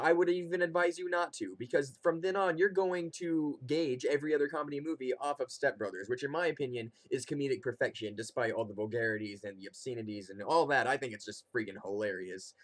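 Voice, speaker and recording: Recorded at low quality, this medium-pitched young adult man relates an amusing story from his own life in a relaxed way. As a comic storyteller, he brings it to life by performing the dialogue and his reactions with lots of energy.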